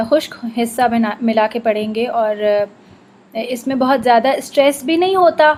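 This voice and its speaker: A woman teaching recitation in a slow, careful way, saying each example word twice. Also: sits high, a little mellow, a little hiss or hum. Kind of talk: online lesson.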